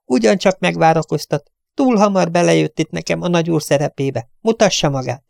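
A man's voice: a little high, vocal fry, a little mellow, no room sound, studio quality, voice pushed up. A man voicing an impatient, teasing young woman in an audiobook.

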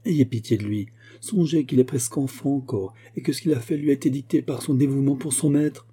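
A loyal old bank clerk tells his story earnestly, as a man reads him. His voice is very dark and a little husky. He speaks with quiet feeling. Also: medium pitch, fairly quick, pitched above the performer's own voice, lightly acted. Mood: pleading. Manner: pleading, earnest. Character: elderly male bank clerk, loyal and emotional.

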